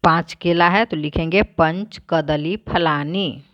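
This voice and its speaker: A woman teacher who reads each word aloud, then explains it plainly, in a slow, deliberate lesson. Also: low voice, fairly even intonation, no room sound, dull audio.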